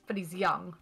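A woman's voice: on the low side, creaky, a bit bright, slightly rough, exaggerated voice. A woman streamer voicing a clumsy, loyal male police detective in a hammy read-along of a game. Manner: hammy, laughs between lines.

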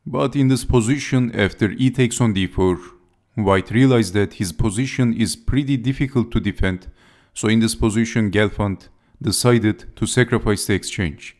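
A man's voice: lowish voice, moderate pace, a little mellow. A man giving scripted chess game commentary as narrator, speaking in short, clipped move-by-move phrases.

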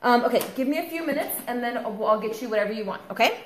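Talking fast in a slightly high, expressive voice, a young fitness coach chats with viewers in her home kitchen, using many ums and calling them "guys." The casual vlog tutorial is filmed on a phone at arm's length, giving a rough recording with slight background noise.

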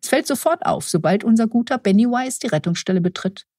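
A brisk, matter-of-fact female lab doctor in an audiobook crime story, read by a woman. Her voice is slightly husky and the recording is dry and close. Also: on the high side, animated, darkish tone, no room sound. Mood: chatty. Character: adult female hospital lab doctor, defensive.

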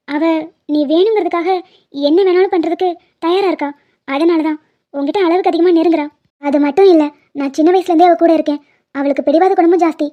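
A woman voicing a bossy young college student who lectures her friend in a cartoon. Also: very high-pitched. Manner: scolding, lecturing. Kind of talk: animated cartoon voice acting. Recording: dull lo-fi sound.

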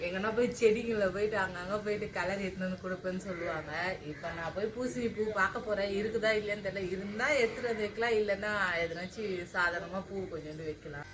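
A young woman talking to her followers in a relaxed vlog, calling them friends as she walks around outside. Her voice sits at a middling pitch, and the phone picks up clear outdoor noise around her. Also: fast, few pauses. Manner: chatty, addresses viewers as friends. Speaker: vlogger. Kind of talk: casual vlog narration. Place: outdoors at a village house and street. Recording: noisy outdoor phone recording.

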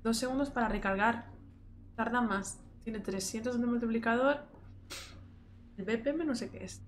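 Speaking at a normal speed in a voice on the high side, a young streamer with a Spain Spanish accent reacts to her game with shrieks and swearing, then reads the item menus to herself. Slight background noise is audible.

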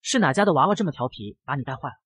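A man voicing a sly old gangster grandfather who speaks slowly and with menace. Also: a little high, animated, fairly bright tone, husky, no room sound. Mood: menacing. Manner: slow, menacing.

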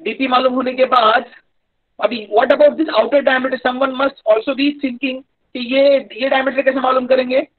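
A man's voice: very high-pitched, level tone, rapid-fire. A man with a North Indian accent giving a live online engineering lecture in a hesitant, repetitive, explanatory manner. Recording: dull lo-fi online-class audio.

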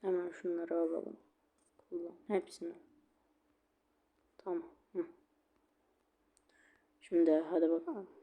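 Slow, gravelly gamer complaining about lag. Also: male voice, on the high side, level tone, narrow, tinny audio. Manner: chatty, easily annoyed, swears at lag; repeats a sing-song catchphrase. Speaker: gaming video creator. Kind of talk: casual gameplay commentary.

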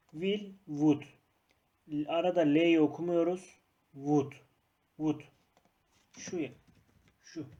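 Man teaching a grammar lesson, mellow voice. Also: on the high side, muffled recording. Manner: explains step by step, often says "arkadaşlar"; reads English example sentences slowly. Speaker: English teacher. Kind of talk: recorded classroom lesson.

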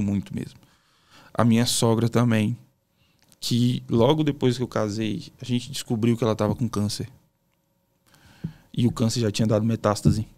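A Brazilian man with a gravelly, crackly voice at an ordinary middle pitch, a pastor speaking as a podcast guest. He tells his personal testimony in an emotional, storytelling way, with casual colloquial asides. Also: warm tone. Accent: Brazilian Portuguese.

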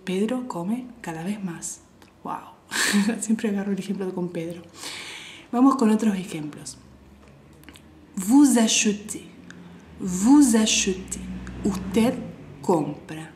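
A young woman giving a language lesson, repeating each example slowly and often softly. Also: mid-range voice, slight background noise. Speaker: French teacher.

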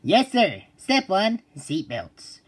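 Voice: mid-range voice, huge pitch swings, slow, slightly rough, full character voice. An actor voicing an eager, naive male sea-sponge driving student in an exclamatory, earnest cartoon style. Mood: excited. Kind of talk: cartoon voice acting.

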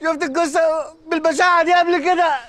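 A man's voice: very high-pitched, little pitch movement, fast talker, pushed and bright, slight background noise. An actor playing a panicked man who insists he saw a corpse, speaking with an Egyptian accent. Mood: frantic. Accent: Egyptian Arabic. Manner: frantic, protesting, insistent. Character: panicked man named Abd Saboor, insisting he saw a body. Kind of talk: Egyptian TV comedy acting.

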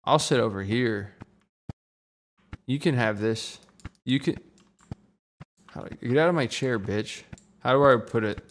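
A man's voice: medium pitch, a little slow, pauses often, a little hiss or hum. A young man streaming a game with casual, sweary commentary. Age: young adult. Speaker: gaming streamer. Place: small bedroom indoors.

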